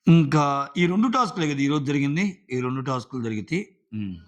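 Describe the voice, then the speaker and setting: A man's voice: on the high side, brisk. A man reviewing a reality show in casual, argumentative commentary. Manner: animated, argumentative, acts out contestants' lines. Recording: dull lo-fi audio.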